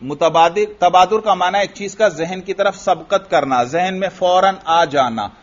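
High-voiced Pakistani teacher quizzing his class. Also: measured pace, highs cut off. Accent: Pakistani Urdu. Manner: explains step by step and quizzes students with questions; recites Arabic grammar examples and then explains them. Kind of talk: classroom lecture.

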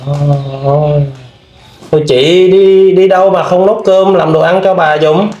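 A man hosting a video, gently questioning an older woman with many fillers. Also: high-pitched, fairly even intonation, moderate pace, reverberant, muffled recording. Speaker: vlog host interviewing. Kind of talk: casual interview.

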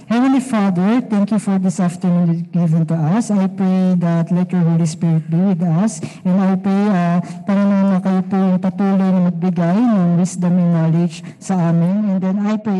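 A Filipino-accented host opens a youth fellowship with an earnest prayer. The voice is mellow and dark, at a middle pitch. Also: in a large hall, low-quality recording. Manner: earnest, mixing English and Tagalog. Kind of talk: opening remarks and prayer.

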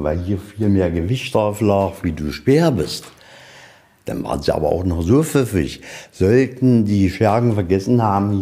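A man with a low, mellow voice works as a museum guide, speaking on location inside a museum. He leads visitors through a guided tour, explaining the exhibits step by step in plain, colloquial language.

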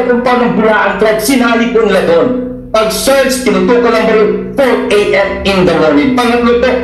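A man speaking as a church minister at a formal hearing, very deferential with constant "po" and "Your Honor" while pressing pointed questions. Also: high-pitched. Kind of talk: impassioned formal testimony. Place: large hearing room. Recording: very echoey hall with faint music.

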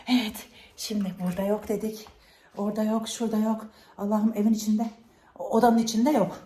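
A woman's voice: medium pitch, a little mellow. A woman chatting casually to viewers as a vlog host, in a playful, teasing way. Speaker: vlog host and game player. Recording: roomy echo, faint background noise.

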